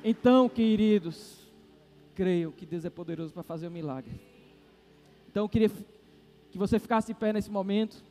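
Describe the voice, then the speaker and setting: Excitable male preacher, very high voice, long church-hall echo. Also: moderate pace, long pauses. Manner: animated, exclamatory, dramatizes dialogue. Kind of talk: sermon with acted-out story. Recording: long reverb of a hall, faint music.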